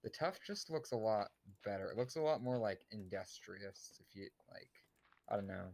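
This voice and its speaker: A male streamer in casual gaming chat, relaxed and hesitant, often repeating words. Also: fairly low pitch, normal speed, gravelly.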